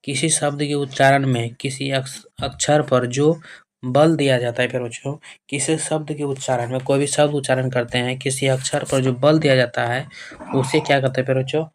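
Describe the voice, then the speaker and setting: A man's voice: medium pitch, steady tone, brisk. A male teacher giving a board-exam grammar lesson. He repeats himself, calls his students dear children, asks questions and answers them himself. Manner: repetitive, keeps addressing students fondly and checking with "okay".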